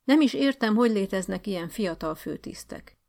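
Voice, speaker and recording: A woman's voice: medium pitch, expressive, vocal fry, a little mellow. Woman doing a dry, cheeky male teacher. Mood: ironic. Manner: dry, ironic.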